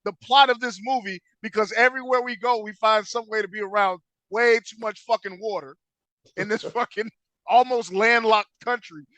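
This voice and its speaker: High, bright-voiced man ranting on a podcast. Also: moderate pace, no room sound. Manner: loud, profane, animated ranting with slang. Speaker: podcast co-host. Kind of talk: casual podcast banter.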